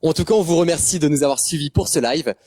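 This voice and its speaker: A man's voice: a little high, fast, dark tone, no room sound. A man co-hosting a live stream, steadily giving viewers practical information. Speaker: co-host of a pre-match live.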